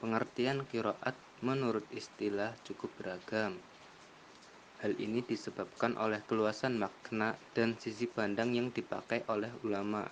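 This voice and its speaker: A man's voice: lowish voice, steady tone, moderate pace, slight background noise. Young man reading lesson definitions carefully. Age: young adult. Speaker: university student presenter. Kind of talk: read-aloud lesson narration.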